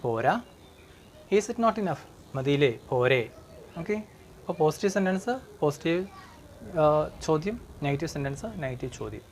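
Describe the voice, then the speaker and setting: Grammar teacher, patient, mid-pitched, faint hiss behind. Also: expressive, a little mellow. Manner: repeats English examples slowly, fillers of okay and hmm. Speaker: English teacher. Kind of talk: grammar lesson.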